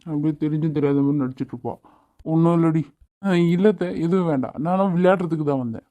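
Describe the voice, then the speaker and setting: A man's voice: on the high side, warm tone, natural voice. A man voicing a possessive, hot-tempered young husband in a cartoon. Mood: teasing. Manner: possessive, quick to anger. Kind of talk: cartoon voice acting. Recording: tinny phone-like lo-fi audio.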